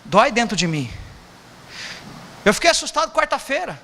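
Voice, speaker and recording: A Brazilian pastor preaches a casual sermon, joking with his congregation between points. His voice is high and bright, rising and falling a lot. It carries through a long-echoing church hall with a faint hiss underneath. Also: very animated, moderate pace. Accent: Brazilian Portuguese. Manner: joking, chatty, teasing the congregation. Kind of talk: informal sermon.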